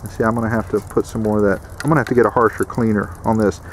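A man's voice: on the low side, flat delivery, very fast, a little hiss or hum. A man giving a plain-spoken, folksy how-to demonstration outdoors, repeating his warnings. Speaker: DIY home repair instructor. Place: outdoors beside an air conditioner unit.

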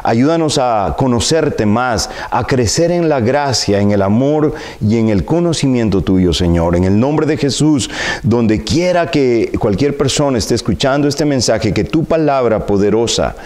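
A middle-aged man preaching a sermon in a church sanctuary, reading scripture and praying in a measured, earnest way on a lapel mic. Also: medium pitch, animated, a little mellow. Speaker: pastor.

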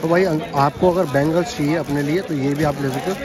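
This is a young man speaking fast, his voice fairly high with fairly even intonation. He vlogs casually through a busy street market, getting prices from vendors and repeating them for the people watching. Shot handheld in point of view and selfie views, the recording carries the outdoor market crowd's noise and chatter.

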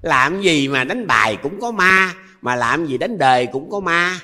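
Old southern vietnamese monk preaching, folksy, says things twice, simple everyday examples. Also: male voice, on the high side, lively intonation, a little slow, sharp tone. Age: 80s. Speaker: Buddhist monk. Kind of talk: dharma talk to lay followers.

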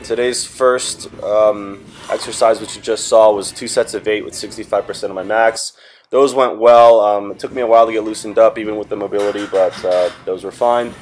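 A man's voice: on the low side, normal speed. A young man in his twenties, a fitness vlogger talking casually over his workout footage and addressing viewers as guys. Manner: relaxed, chatty, talks to viewers as "guys". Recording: music playing underneath.

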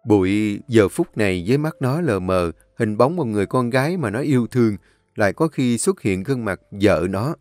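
A man narrating a novel as a storyteller, steady with a pace that changes often. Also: fairly low pitch, normal speed, dry recording, faint music behind.

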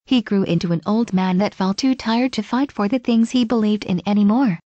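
A woman's voice: medium pitch, brisk, mellow, no echo, muffled recording, lightly acted. A woman voicing a weary old male village leader who speaks curtly and commandingly. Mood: stern. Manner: curt, commanding.

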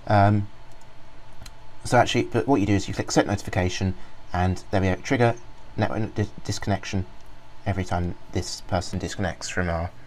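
Slight background noise accompanies a man's low, darkish, steady voice as he talks fairly quickly through a program he is reviewing. The casual screen-recorded walkthrough rambles, with frequent ums and restarts.

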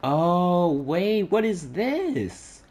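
A man giving casual let's-play commentary, excitable and chatty, reading game text aloud haltingly. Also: high-pitched. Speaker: gaming YouTuber.

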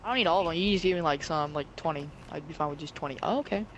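A young man chatting casually while playing a video game with a friend, excitable and prone to yelping and repeating himself. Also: on the high side, rapid-fire. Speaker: game player. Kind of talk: casual gaming chat. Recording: noisy background.

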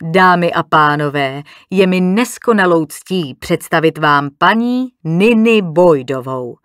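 A woman voicing a booming wealthy dinner host. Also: animated, clear, resonant tone, no echo, studio quality, natural voice. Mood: announcing. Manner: booming, theatrical announcing. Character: showy, confident wealthy man hosting a dinner.

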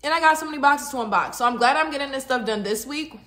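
A young woman with a drawl talks casually to her viewers in a vlog, her voice sitting slightly high for a woman. She is chatty and relaxed, eating between sentences as she runs through her plans for the day. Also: quick pace, echoey room. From Texas. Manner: chatty, addresses viewers as y'all. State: eating while talking. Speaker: lash business owner and vlogger.

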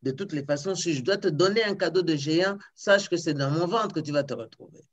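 A woman's voice: sits low, a little fast. A woman voicing a furious, menacing giant. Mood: scheming. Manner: angry, threatening, shouting. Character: huge, thin, furious male giant.

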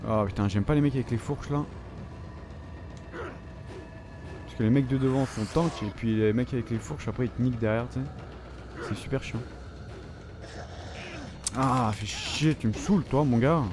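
Playing a game and commenting on it, a French man swears and reacts in a mid-range voice at normal speed, pausing often. It's let's play commentary recorded with a noisy background.

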